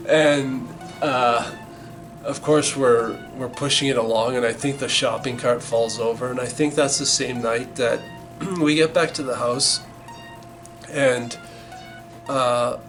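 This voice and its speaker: A man's voice: medium pitch, steady tone, takes it slowly, poor audio. A middle-aged man casually telling a band story, rambling and swearing a lot with many restarts. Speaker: band member recalling the band's origins. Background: music.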